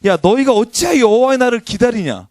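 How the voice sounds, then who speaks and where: Male pastor doing God: stern, fed-up deity, raised and lively delivery, dry close sound. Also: very high voice, fast talker, no room sound, voice pushed up. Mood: exasperated scolding. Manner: scolding, blunt, mock-exasperated. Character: exasperated God scolding his people, blunt and stern.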